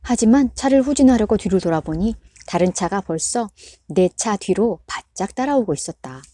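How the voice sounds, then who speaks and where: Woman audiobook reader, mellow and dry, calm measured delivery. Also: mid-range voice, dry recording. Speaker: book reader. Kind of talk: audiobook narration.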